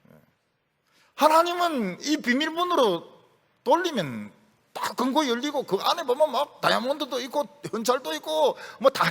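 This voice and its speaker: A man preaching a sermon as a pastor, animated, folksy and humorous. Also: very high voice, creaky, big-room sound.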